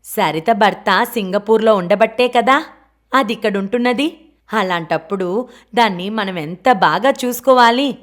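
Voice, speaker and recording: A woman voicing a sharp-tongued older aunt who scolds her lazy nephew, read in an audiobook. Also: mid-range voice, measured pace, lightly acted. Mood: scolding. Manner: scolding, reproachful.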